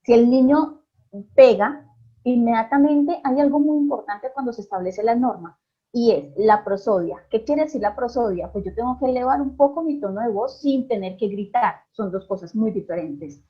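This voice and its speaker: A woman's voice: a little high, normal speed, breathy edge, dull audio. A woman psychologist giving an online parenting talk, often asking her audience questions and checking with "¿listo?".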